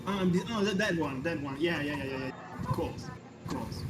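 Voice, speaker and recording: A man's voice: fairly high pitch, a little fast, rough recording. A man acting as game master, narrating a tabletop game over voice chat in a playful, teasing way and repeating words as he thinks.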